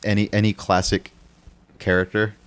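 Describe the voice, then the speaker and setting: A man's voice: lowish voice, little pitch movement, moderate pace, clear, resonant tone. A man co-hosting a podcast, chatting casually about movies with lots of fillers and restarts. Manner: rambling, many restarts and fillers. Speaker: podcast co-host.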